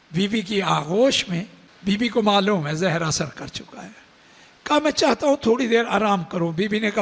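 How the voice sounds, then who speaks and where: Impassioned high-voiced preacher in a hall. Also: male voice, creaky, a bit bright, slightly rough. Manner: impassioned, rising to high pleading tones, slowing on Arabic phrases. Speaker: Shia preacher. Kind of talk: emotional sermon with storytelling. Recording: long hall reverb.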